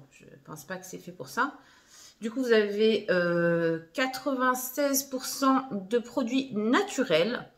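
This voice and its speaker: A woman's voice: mid-range voice, a bit bright. A young woman chatting casually through a shopping haul video at home, full of fillers and little laughs. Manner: chatty, filler-heavy, giggly asides. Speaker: vlogger.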